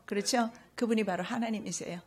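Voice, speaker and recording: A middle-aged woman pastor delivering a sermon in an earnest preaching manner, with slow stressed phrases that rise to fervent exhortation. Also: mid-range voice, steady tone.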